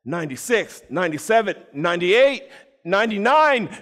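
A man preaching a storytelling sermon, animated, acting out voices and addressing listeners by name. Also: high voice, moderate pace. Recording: long reverb in a large hall.

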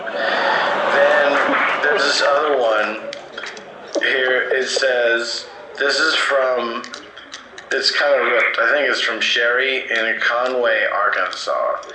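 A drunk man rambling sentimentally on a phone call, reading out inspirational quotes and halting mid-sentence. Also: mid-range voice, fairly even intonation, echoey room, background noise. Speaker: comedy podcast host.

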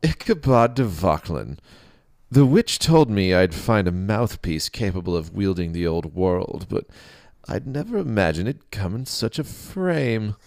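A regal king speaks slowly and with authority, as a man puts him on. His voice sits low and is delivered with deliberate weight. The sound is dry and close. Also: lively intonation, a little mellow, no room sound. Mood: commanding. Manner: measured, imperious, slow deliberate delivery. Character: regal male king, stern and commanding.

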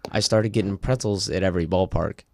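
Deep-voiced young man telling food stories. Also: brisk. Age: 20s. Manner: rambling storyteller, animated when excited. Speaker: podcast co-host. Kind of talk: casual chat.

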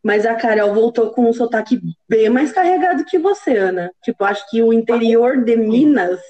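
A woman's voice: on the high side, expressive, moderate pace, mellow. A woman in casual chat, laughing as she tells self-mocking stories. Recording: dull lo-fi sound.

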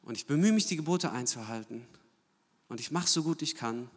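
A man's voice: medium pitch, expressive, brisk. A man preaching a sermon, asking rhetorical questions and often checking in with "ja?". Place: church hall. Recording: long church hall reverb.

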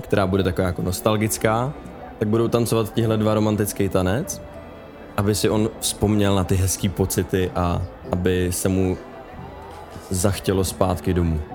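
A young man playing a tabletop game who eagerly plans out loud and often laughs. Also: lowish voice. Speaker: player. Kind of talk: casual game chat.

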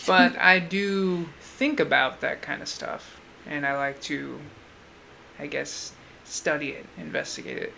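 A man's voice: a little high, steady tone, a little slow, gravelly, sharp tone, a little hiss or hum. An American man co-hosting a podcast in a casual, dryly joking way. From California, United States. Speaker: podcast co-host.

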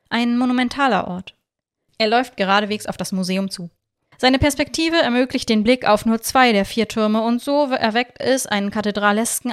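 A woman narrating a crime story in a slow, deliberate reading voice. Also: mid-range voice.

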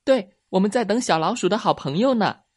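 A man's voice: very high-pitched, fairly quick, pitched above the performer's own voice. Man doing an eager little rabbit. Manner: eager, exclaiming.

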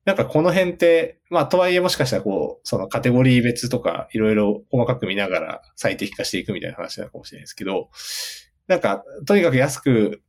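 A man's voice: medium pitch, very animated, fast talker, a little mellow. A man hosting a conversational business interview, thinking aloud as he rephrases his questions. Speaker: interviewer, host.

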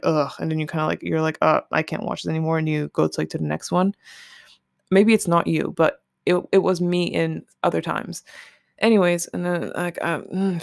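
A solo podcast host rambles casually and candidly through a list, with some swearing. The voice sits at medium pitch and sounds creaky, captured in studio quality with no room sound.

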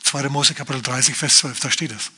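A male pastor preaching a lively, chatty sermon, often turning to his listeners with asides. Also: mid-range voice, fast talker, slightly rough.

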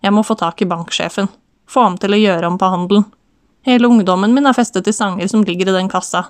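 A man's voice: sits high, fairly even intonation, clear, resonant tone, dry recording, natural voice. Woman reading an anxious middle-aged man in an audiobook, urgent inner thoughts, dry sound.

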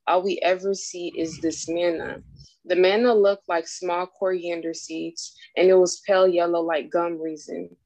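A woman reads scripture aloud to a group. Her voice is somewhat low, and the sound is dry and close. She reads at a steady, measured pace. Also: dry recording, poor audio. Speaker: scripture reader in a study group.

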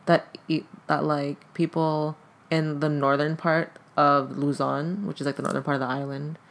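Speaking at normal speed with vocal fry, this podcast guest, a native Tagalog speaker, has a mid-range, fairly bright voice that barely shifts in pitch. The casual conversation is hesitant, with "like" dropped into almost every phrase.

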